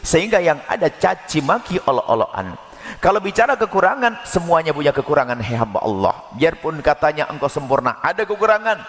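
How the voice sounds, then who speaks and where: A man preaching a sermon, lively and expressive, sometimes acting out quoted couples. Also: fairly quick. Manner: animated, jumps between high and low pitch for emphasis, acts out quoted couples. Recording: long hall reverb.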